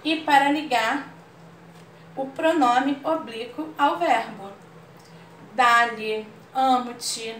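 A woman's voice: sits high, takes it slowly. A woman teacher with a Brazilian Portuguese accent, explaining a grammar lesson patiently and checking understanding often. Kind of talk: online class lesson. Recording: roomy far-off mic with faint room noise.

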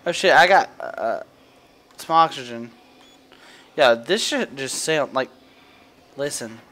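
A man's voice: medium pitch, lively intonation, slow, sharp tone. A man giving nervous, cursing let's-play commentary on a horror game. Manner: jumpy, swearing, nervous joking. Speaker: gaming video creator.

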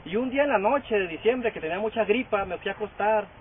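High-voiced young man giving halting testimony. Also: slight background noise. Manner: halting, many filler words. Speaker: testimony speaker. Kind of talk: personal testimony to a congregation. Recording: phone-like audio with crowd behind.

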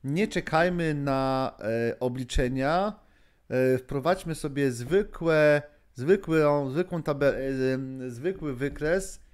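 A man runs a live-streamed training session at a medium pitch and an unhurried pace. He thinks aloud with frequent fillers and restarts, breaking off for chatty asides to viewers and moderators. The sound of typing on a keyboard comes through his desk microphone. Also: smooth. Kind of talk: live-streamed lesson answering viewer questions.

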